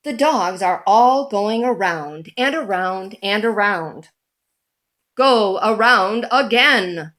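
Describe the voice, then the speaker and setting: Reading from a children's picture book, this woman speaks at a medium pitch, with an animated yet deliberate storytelling style.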